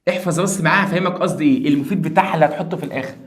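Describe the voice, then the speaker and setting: A man with an Egyptian Arabic accent explaining English grammar in a lively, teasing classroom style, speaking directly to his students. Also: a little high, rapid-fire. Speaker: English teacher.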